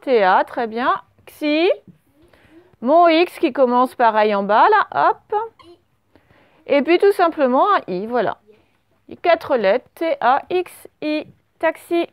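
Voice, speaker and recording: A French woman teacher giving a slow dictation lesson to young children, stretching out words and spelling letters. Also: high-pitched, expressive, dry recording. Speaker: primary school teacher.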